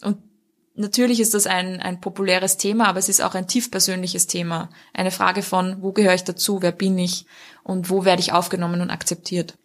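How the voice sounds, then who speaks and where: A woman's voice: fairly low pitch, level tone, a little fast. A woman discussing a book in a conversational review, fluent and explanatory, with occasional fillers.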